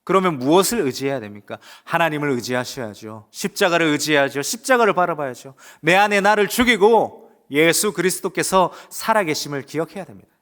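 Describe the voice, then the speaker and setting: A man pastor delivering a sermon, swinging between loud rising exclamations and hushed asides, putting rhetorical questions to the congregation. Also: on the high side, expressive, brisk, hardly any pauses. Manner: emphatic preaching with rising exclamations and quiet asides.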